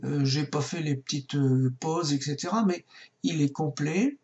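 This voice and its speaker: Slow, patient man teaching Hebrew grammar. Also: fairly high pitch, a little mellow, dull audio. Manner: slow, patient, spelling out words. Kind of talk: recorded lesson.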